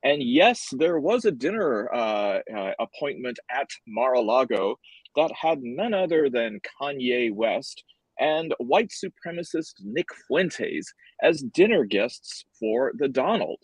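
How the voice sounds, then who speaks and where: A man hosts a political panel in a mid-range voice. His phrasing is wordy and halting, and the sound is dry and close. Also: medium pitch, sing-song, husky, no room sound, rough recording. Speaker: panel host. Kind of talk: moderating political talk.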